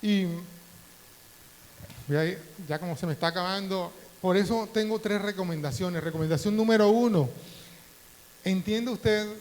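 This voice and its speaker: High-voiced preacher man in a reverberant church. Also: darkish tone. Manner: preaching with emotional swings, voice rising in prayer. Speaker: pastor. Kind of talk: sermon. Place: church hall. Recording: faint hiss, long church reverb.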